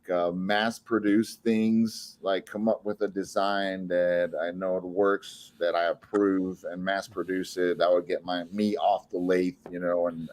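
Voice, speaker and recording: A young man from Costa Rica, a flow artist and saber maker, talking casually in a podcast interview with restarts and laughs. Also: lowish voice. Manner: relaxed, rambling with restarts and laughs.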